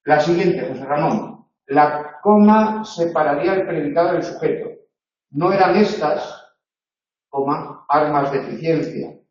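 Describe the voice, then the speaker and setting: A man from teaching a university tutorial, going through spelling examples slowly and checking in with "¿eh?". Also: on the high side, a little mellow. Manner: slow, deliberate spelling drills with questioning "¿eh?". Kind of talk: recorded tutorial lecture. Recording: roomy, dull lecture recording.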